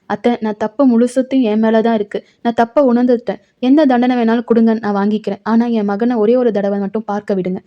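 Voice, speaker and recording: A woman voicing a remorseful young father who pleads in a halting, tearful voice. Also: a little high, steady tone, natural voice. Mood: tearful pleading. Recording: dull lo-fi recording.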